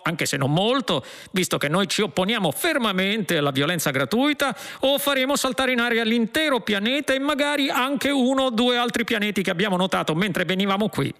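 A man voicing a loud, touchy male space policeman who calls out over a loudspeaker in a storybook reading. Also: high-pitched, pitched above the performer's own voice.

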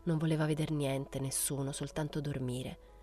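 A woman narrating a literary audiobook in a measured, unhurried way. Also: sits low, level tone, mellow, soft background music. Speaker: audiobook reader.

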